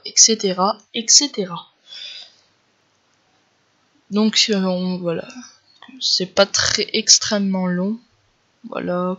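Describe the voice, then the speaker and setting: A man's voice: sits high, fairly bright tone. Ch'ti-accented man, dull lo-fi tutorial. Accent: Northern French (ch'ti). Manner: informal, loose step-by-step explaining. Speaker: tech tutorial creator. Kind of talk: casual screen-recorded tutorial narration. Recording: dull lo-fi home recording.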